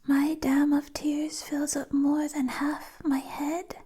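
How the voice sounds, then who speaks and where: A woman whispering a poetic ASMR monologue right in the listener's ear on a close binaural mic, in breathy, deliberate, lyrical phrases with long pauses. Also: high voice, flat delivery, dark tone. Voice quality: breathy, mostly unvoiced whisper. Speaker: ASMR performer. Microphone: close binaural ASMR microphone.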